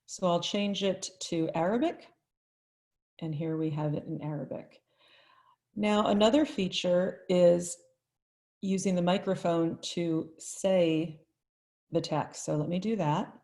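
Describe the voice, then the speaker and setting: A woman talks through a live online tutorial in a chatty, friendly way. Her voice sits low and has a gravelly texture. She thinks out loud as she demonstrates each step. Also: steady tone, takes it slowly, long pauses. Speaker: teacher trainer.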